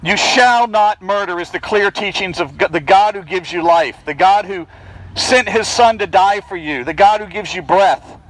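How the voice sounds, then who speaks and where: His voice sits high and fairly bright, moving at a moderate pace in a low-quality recording. A street preacher outdoors beside a fence and bushes outside a building, he projects insistent pleas to people going by.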